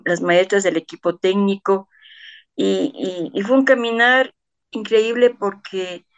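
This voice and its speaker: A woman theatre artist recounts her experiences in an interview, earnest and heartfelt. Her pitch sits in an ordinary middle range. She slips into the voices of the people she remembers, and her sentences are full of fillers and fresh starts. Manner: earnest, acts out quoted dialogue, frequent fillers and restarts. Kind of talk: personal storytelling in an interview.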